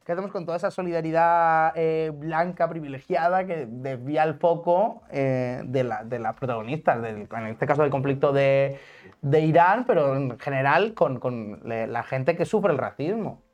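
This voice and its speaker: A man's voice: fairly high pitch, moderate pace, a little mellow, lo-fi sound. A man hosting a podcast, asking long interview questions with many fillers and restarts. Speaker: podcast host.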